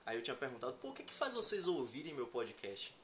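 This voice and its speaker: A Brazilian man with a Bahian Salvador accent hosts a casual, joking podcast chat. His voice is bright and swings animatedly up and down. He leans on street slang and swearing, with some noise behind him. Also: mid-range voice, wildly swooping pitch, fast talker. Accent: Brazilian Portuguese, Bahian from Salvador. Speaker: podcast host.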